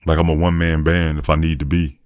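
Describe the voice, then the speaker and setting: A podcaster and aspiring motivational speaker delivers a reflective, earnest monologue, repeating phrases for emphasis. His voice is rumbling low, slightly mellow and level, he speaks fast, and the studio sound is clean with no echo.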